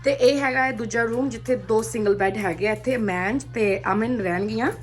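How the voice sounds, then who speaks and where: A woman with a slightly high voice talks in a casual vlog style. She is chatty and informal, and she drops English phrases into her sentences as she addresses her viewers. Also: fairly quick, faint music behind. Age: adult, a mother of children. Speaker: vlogger.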